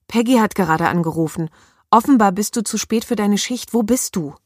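A woman voicing a sharp-tongued, exasperated middle-aged mother who speaks in a curt, clipped way. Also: medium pitch, brisk, no room sound, studio quality, natural voice.

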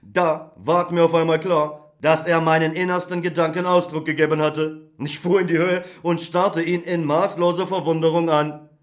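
A man narrating a classic story in an even, literary reading style. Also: on the high side, moderate pace. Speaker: audiobook narrator. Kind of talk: scripted narration.

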